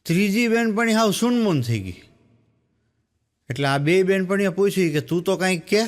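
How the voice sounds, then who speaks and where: A man performs stand-up on stage. He tells his jokes as little stories in a somewhat high voice and drops his tone to act out the people he quotes. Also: animated, moderate pace. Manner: storytelling, acts out quoted speakers in lowered voice. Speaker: stand-up comedian. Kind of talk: stand-up joke telling on stage.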